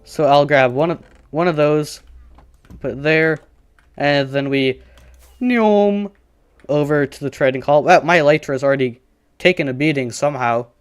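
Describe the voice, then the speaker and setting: A man's voice: fairly high pitch, fairly even intonation, normal speed, smooth, no echo, faint music behind. A man streaming a survival game, casually thinking aloud and joking at his own expense while he plays. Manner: rambling, self-deprecating, thinking aloud.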